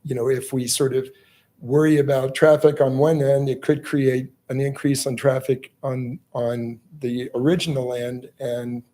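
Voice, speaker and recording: A hoarse, raspy-voiced man giving halting, measured public comment as a resident at a planning meeting. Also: mid-range voice, little pitch movement, dark tone. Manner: halting, measured delivery with pauses.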